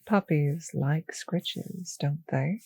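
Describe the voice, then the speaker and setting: As a possessive vampire mistress in an intimate audio drama, a woman teases in a slow, condescending, breathy way, often sinking to a whisper. Her low voice is a little mellow and heavily acted, tender yet condescending in mood, with no echo.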